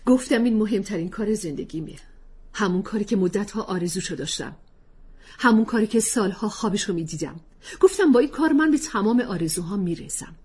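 A woman's voice: medium pitch, expressive, a little mellow, breathy edge, voice pushed up. A woman doing a frustrated pleading mother.

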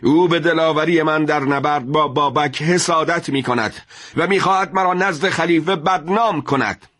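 A man voicing a furious, proud male army general who shouts in wrath, in a told story. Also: medium pitch, animated, pitched above the performer's own voice, lightly acted.

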